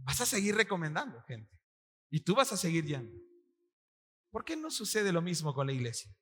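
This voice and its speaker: A man's voice: on the high side, normal speed, slight background noise. A male pastor with a Peruvian accent preaching a sermon to his congregation, acting out quotes and firing questions at the room. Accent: Peruvian Spanish. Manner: animated, acts out quotes, quizzes the congregation. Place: church hall with congregation. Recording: long hall reverb, faint music.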